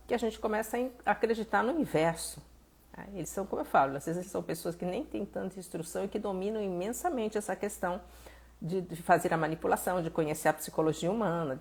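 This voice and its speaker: A Brazilian woman therapist talking casually on a live stream, reading out viewers' messages and answering them with animated, acted-out exclamations. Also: on the low side, slightly rough. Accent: Brazilian Portuguese. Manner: animated, conversational, reads viewer messages aloud and acts out exclamations.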